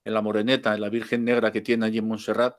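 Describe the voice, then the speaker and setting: A man's voice: on the low side, little pitch movement, fast. An older man giving an informal spiritual talk as a teacher, chatty and joking, with frequent asides.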